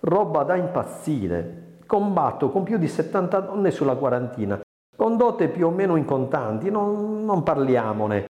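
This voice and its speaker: A man's voice: a little high, very animated, unhurried, warm tone, pitched above the performer's own voice. A man voicing a pompous, self-satisfied middle-aged bachelor in a book reading. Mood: boastful. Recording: echoey reverberant room.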